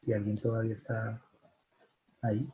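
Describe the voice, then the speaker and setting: A man leading an online Bible study, animated and asking the group questions, with a husky, breathy voice over a video call. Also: fairly low pitch, normal speed, lo-fi sound.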